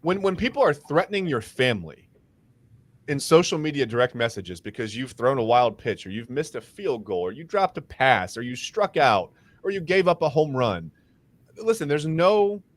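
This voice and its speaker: A man's voice: mid-range voice, very animated, moderate pace. A man co-hosting a casual sports podcast, who talks emphatically and repeats words when he gets worked up. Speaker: co-host.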